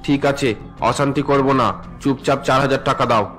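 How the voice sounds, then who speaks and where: A man voicing a drunken husband in a cartoon, gruff and demanding, at times pleading. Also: medium pitch, fairly even intonation, moderate pace, fairly bright tone, soft background music, close to an everyday voice. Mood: bullying. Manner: demanding and gruff with his wife, pleading with God. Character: drunken husband, male, bullying then repentant.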